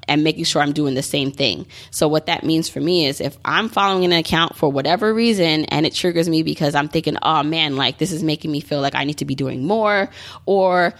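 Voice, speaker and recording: A woman in her thirties hosting her own podcast, talking in a chatty, upbeat and encouraging way with plenty of "like" and "you know". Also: sits low. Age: 30s. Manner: chatty, upbeat, motivational, many fillers. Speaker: podcast host. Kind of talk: solo podcast monologue.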